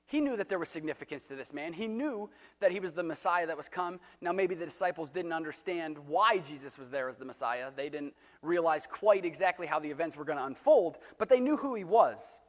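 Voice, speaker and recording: A man's voice: a little high, animated, a little fast, hardly any pauses, big-room sound. A man preaching a casual, conversational sermon in a church, talking in a loose, chatty way with fillers and restarts. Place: church sanctuary.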